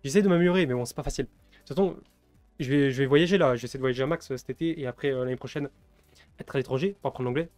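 Brief: young French man in his 20s, rapid rambling streamer, chuckles a lot, dry close sound, faint music behind. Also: medium pitch, darkish tone, dry recording. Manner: rambling, laughs often, thinks aloud. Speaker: crypto live streamer. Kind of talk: casual live-stream commentary, answering chat.

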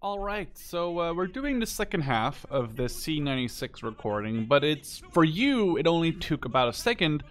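A gameplay video host, a man in his twenties, gives loose, rambling live commentary, often correcting himself and swearing offhandedly. His voice is fairly high and sing-song, moving at a moderate pace with hardly any pauses. Game gunshots, machine guns and clicking sound behind him.

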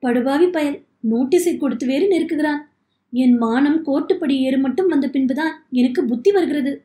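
A woman's voice: high-pitched, normal speed, warm tone, close to an everyday voice. A woman reading the part of a remorseful young man who weeps and begs forgiveness, in an audiobook. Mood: pleading. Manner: tearful pleading. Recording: echoey room.

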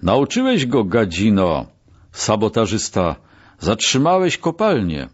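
A man voicing a furious, bullying male camp commandant who shouts abuse. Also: mid-range voice, big pitch swings, takes it slowly, breathy edge, dull audio, full character voice. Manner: shouting, abusive.

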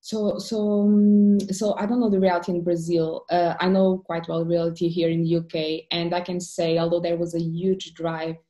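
A woman's voice: fairly low pitch, flat delivery, moderate pace, few pauses, mellow. A woman from Portugal, speaking as a panelist on a video call, often repeating her openers. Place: home room indoors. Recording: echoey room.

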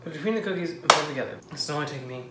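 A man's voice: fairly high pitch, rapid-fire. Giggly young man in an echoey kitchen. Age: 20s. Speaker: host of a home baking vlog. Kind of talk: casual chat to camera while baking. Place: home kitchen. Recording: echoey kitchen, clicks and background noise.

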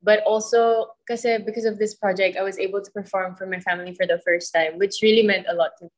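A young woman speaks into a handheld mic at a press panel. Her pitch is mid-range for a woman, and she answers thoughtfully, often pausing to find words and dropping in Tagalog phrases. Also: fairly even intonation. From born in the Philippines, grew up in Singapore. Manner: thoughtful, searching for words, mixing English and Tagalog. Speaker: singer at press conference. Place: indoor press event, panel at a table.

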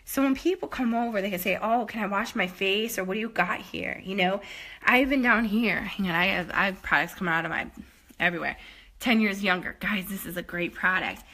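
Walking around her bathroom and closet indoors, a woman in her thirties chats enthusiastically about her products, rambling with plenty of fillers and slightly breathless from moving. Her mid-range voice is a little fast, pushed and bright, captured casually on a phone at arm's length.

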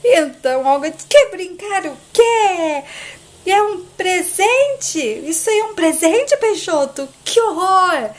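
Woman voicing a haughty young lady, shrill, scornful, very high voice. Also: animated, measured pace.

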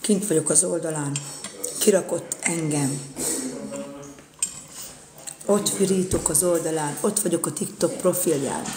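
A woman's voice: sits low, pauses often, a crowd in the background. Indignant woman ranting in an echoey room. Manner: indignant, repeats her phrases. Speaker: live streamer. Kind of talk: casual live-stream rant.

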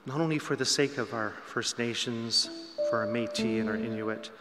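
A man leads a spoken congregational prayer at a pulpit microphone. He speaks in a measured, solemn way. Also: medium pitch. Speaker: prayer leader. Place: chapel. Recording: echoey chapel hall with loud guitar.

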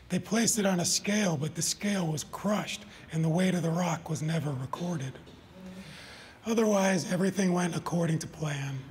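A man reading his short stories aloud at a live event, in an even, deliberate storytelling manner. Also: a little high, slight background noise. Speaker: author. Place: live reading before an audience.

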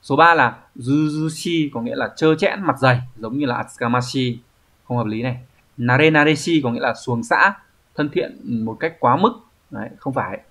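A man's voice: mid-range voice, moderate pace, fairly bright tone. A man teaching, walking through exam answers one by one and often checking with the listener, "right?". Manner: explanatory, asks rhetorical checks like "right?". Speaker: Japanese language teacher.

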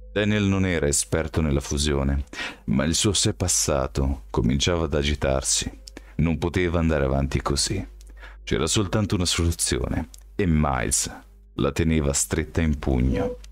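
A man reading a novel aloud as audiobook narration, in a steady, even storytelling manner. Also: a bass voice. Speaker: audiobook reader.

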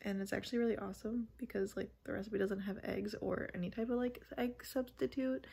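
Chatty young woman with a gravelly voice. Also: medium pitch, fairly even intonation, brisk, warm tone. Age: young adult. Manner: chatty, upbeat, rambling asides. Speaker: vlogger. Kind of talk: casual baking vlog narration. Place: living room couch, then home kitchen.

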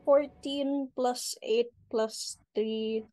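A woman's voice: on the high side, steady tone, extremely slow, mellow, rough recording. A middle-aged woman, a player calling out her dice rolls in a casual tabletop game. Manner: calls out dice rolls plainly.

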